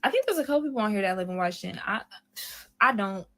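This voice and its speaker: A woman's voice: medium pitch, lively intonation, fast, pushed and bright. A woman from Seattle chatting casually with viewers on a live stream, rambling and answering the chat directly. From Seattle, USA.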